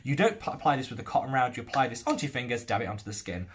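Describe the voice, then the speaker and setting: A man's voice: medium pitch, very animated, rapid-fire, slight background noise. A young man from the UK reviewing skincare products in an enthusiastic, gushing manner.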